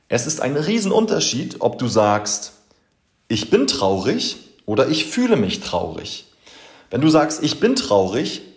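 A man's voice: mid-range voice, roomy sound. A man who works as a coach, talking earnestly and emphatically to his podcast listeners, addressing them directly and mixing in English phrases. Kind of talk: motivational podcast talk.

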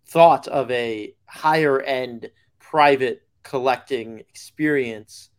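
A man co-hosting a podcast in casual chat, with a dry, deliberate way of talking. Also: medium pitch. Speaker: podcast co-host.

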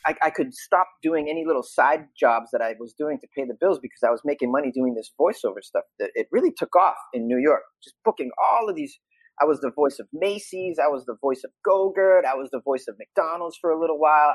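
Podcast guest: man from Boston, voiceover actor, animated and chatty, mid-pitched voice, dry close sound. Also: no room sound, low-quality recording. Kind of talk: casual podcast conversation.

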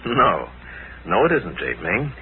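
Calm brainy crime fighter lama, swooping deliberate delivery, tinny old radio serial. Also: male voice, low voice, slight background noise, full character voice. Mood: assured, explaining. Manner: deliberate, formal, theatrical. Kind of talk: 1940s radio acting.

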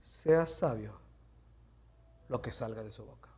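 A man delivering a sermon as pastor swings from loud exhortation to hushed, near-whispered asides, slipping in English phrases. His voice is lowish and slightly rough, and he speaks slowly.

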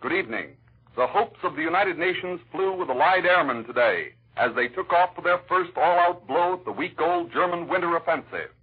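A man's voice: on the high side, lively intonation, a little fast, slightly rough. A man with an American accent reads scripted war news in the formal, dramatic manner of an old 1940s radio announcer. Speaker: radio newscaster. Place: radio newsroom. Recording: muffled vintage 1940s radio broadcast.

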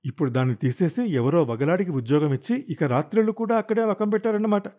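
A man voicing an angry, jealous young wife who wails and hurls shrill accusations in an audiobook. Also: animated, quick pace, mellow. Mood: accusing, wailing. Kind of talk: audiobook character voice.

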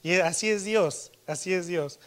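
A man preaching a sermon, telling a personal story, his voice rising louder and dropping soft. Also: high voice, a little slow.

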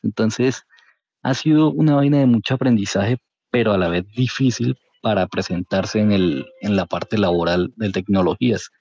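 A Colombian-accented man tells his story in a casual, colloquial way. His voice is very mellow and a bit low, on a slightly dull lo-fi recording. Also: normal speed. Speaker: podcast guest, career changer into programming. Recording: dull, lo-fi audio.

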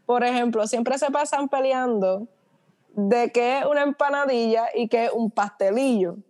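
A woman's voice: on the high side, moderate pace, a little mellow. A young woman from Puerto Rico with a Puerto Rican accent, explaining things plainly in a casual podcast chat. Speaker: student athlete podcast guest.

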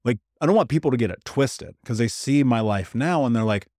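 A man talks candidly in casual podcast conversation, leaning hard on his points and tossing in slang like dude and bro. His voice sits at an ordinary middle pitch. The sound is dry and close, with no room echo. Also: lively intonation, brisk, darkish tone.

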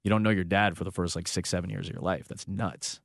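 This thirtysomething American sports broadcaster talks fast in a low, fairly even voice with vocal fry, telling a heartfelt, reflective family story with many restarts. The audio is clean studio quality with no room sound.

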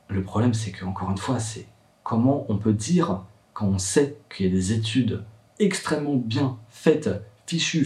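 A worried young father shares his story in a vlog, his medium-pitched, mellow voice captured from a distance in a roomy-sounding space. His monologue is hesitant and riddled with fillers and false starts, rising when he's upset.

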